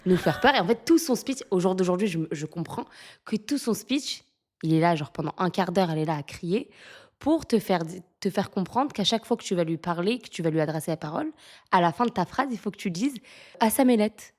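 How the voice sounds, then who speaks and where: A woman from France in her thirties tells stories as a podcast guest. She talks in a loose, animated way, filling gaps with "euh" and laughing through her anecdotes. Her voice sits slightly low. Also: fairly quick. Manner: animated, laughs often, many fillers. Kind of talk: casual storytelling interview.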